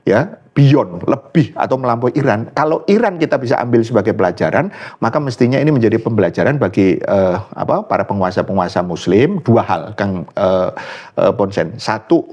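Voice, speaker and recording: A man's voice: lowish voice, lively intonation, normal speed, darkish tone, lo-fi sound. A man, a guest scholar giving political commentary in an interview, earnest and often searching for words with fillers and restarts. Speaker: guest speaker, Islamic scholar.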